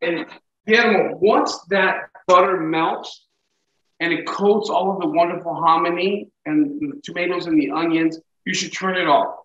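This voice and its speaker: Leading a cooking demo by video call, a middle-aged chef coaches his student with encouragement and constant "okay?" and "right?" checks. His voice is high, steady in tone and a bit bright, at a normal speed. The echoey room and lo-fi sound are audible.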